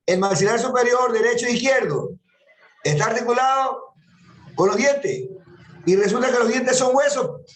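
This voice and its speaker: A man's voice: extremely high pitch, moderate pace, reverberant, poor audio. A man teaching an anatomy class, patiently repeating terms and quizzing his students. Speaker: anatomy lecturer. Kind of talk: classroom lecture.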